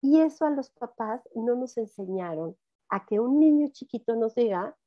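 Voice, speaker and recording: A woman psychologist with a Mexican accent, telling stories about young patients in lively conversation and acting out their lines. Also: fairly high pitch, normal speed, lo-fi sound. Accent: Mexican Spanish. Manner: animated storytelling, acting out children's lines. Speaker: child psychologist. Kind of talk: conversational talk.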